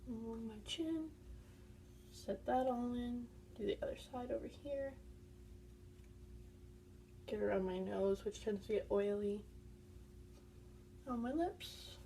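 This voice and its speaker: A congested woman talks through her everyday makeup routine in a casual, chatty way, naming each product and step. Her mellow voice has a gravelly edge. She sits a little back from the mic, with a faint hum behind her. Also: fairly high pitch, slow, pauses often, distant mic. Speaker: beauty vlogger.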